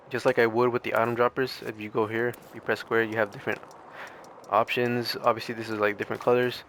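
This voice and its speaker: Clear and resonant yet mildly strained from losing his voice, a gaming video creator gives loose, hesitant, rambling commentary on his gameplay. His voice is mid-range and a bit bright.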